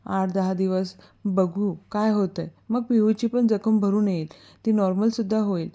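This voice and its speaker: Firm caring young guy bossing his girl around, read by a woman, mellow dark tone. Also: medium pitch, fairly even intonation, normal speed, lightly acted. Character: protective bossy young man.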